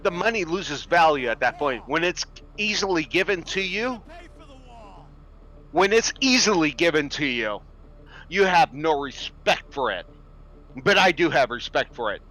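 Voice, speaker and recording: Very animated, this livestreamer in his thirties keeps a measured pace and pauses often as he gives his viewers a preachy, profane, emphatic rant. His voice runs on the high side with a bright, forceful tone, on a low-quality recording.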